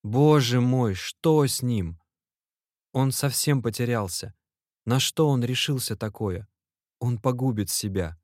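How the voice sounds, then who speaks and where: A man's voice: lowish voice, a little slow, no echo, studio quality, natural voice. A man voicing an anxious, devoted young male clerk who pleads and cries out to his friend. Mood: anguished. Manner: pleading, agitated, shouting.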